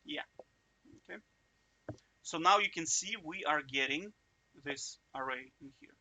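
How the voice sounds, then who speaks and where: Here a man with a somewhat high, sharp voice walks through code at a measured pace. As a tutor he's casual and talkative, musing aloud, interrupting himself for jokes, and often turning to the viewer with "right?"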